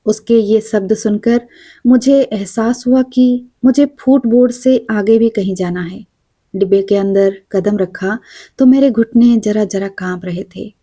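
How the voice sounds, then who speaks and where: A woman narrating a short story as an audiobook, measured and quiet. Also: mid-range voice.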